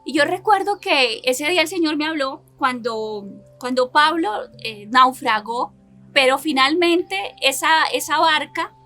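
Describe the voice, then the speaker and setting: High, bright-voiced woman preaching earnestly. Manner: earnest, addresses listeners directly with rhetorical questions; repeats and builds phrases in lists. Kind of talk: sermon with personal testimony.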